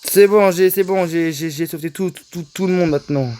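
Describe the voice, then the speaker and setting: A young man giving casual, excitable commentary on his own gameplay, often stammering and repeating himself as he talks to his viewers. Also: high-pitched, brisk, slight background noise, poor audio. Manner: excitable, stammering, addresses viewers as "les gars". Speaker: gaming video creator.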